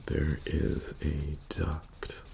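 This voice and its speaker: Man playing a whispering, gravelly heist planner. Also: rumbling low, completely flat delivery, full character voice. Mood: calm, methodical. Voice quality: soft whispery murmur with gravelly fry. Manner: unhurried, halting, matter-of-fact explaining. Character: methodical male bank heist crew planner briefing his team. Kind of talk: whispered role-play.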